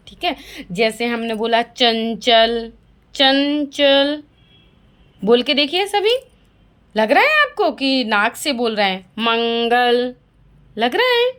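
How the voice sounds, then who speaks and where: Lively woman teaching young children. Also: on the high side. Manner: asks questions and answers them herself, repeating key words. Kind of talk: classroom lesson for children.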